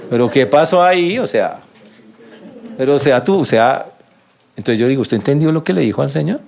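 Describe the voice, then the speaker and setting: A man preaching a sermon as a pastor, animated, acting out quoted prayers in a raised voice and dropping soft and low for humble ones. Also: moderate pace, vocal fry.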